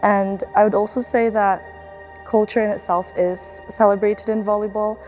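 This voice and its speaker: A woman's voice: medium pitch, flat delivery, normal speed, a little mellow, soft background music. A young woman student athlete from the Philippines, speaking in a casual, reflective documentary interview with fillers and restarts. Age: young adult.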